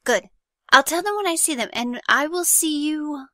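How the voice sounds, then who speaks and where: A woman playing a bubbly high-voiced schoolgirl. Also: lively intonation, normal speed, pushed and bright. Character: eager, hopeful teenage schoolgirl. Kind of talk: fan audio drama acting.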